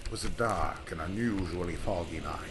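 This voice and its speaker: Over music, a man with a deep voice speaks fairly quickly in 1940s radio acting style. He plays a proud, curt aviator back after three lost years, using formal, old-fashioned diction in a grave mood.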